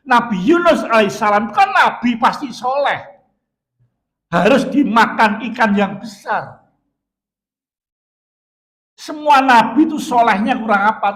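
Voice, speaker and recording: A middle-aged man with a Javanese accent preaching a dawn sermon in a mosque, telling stories in an animated way and acting out the voices of people in them. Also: very high voice. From Indonesia.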